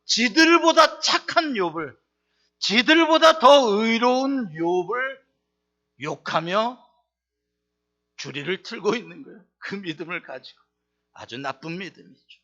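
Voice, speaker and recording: A man pastor preaching a sermon with emphatic rhetorical questions, swinging between loud outbursts and soft asides. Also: high voice, lively intonation, measured pace, long pauses, lo-fi sound.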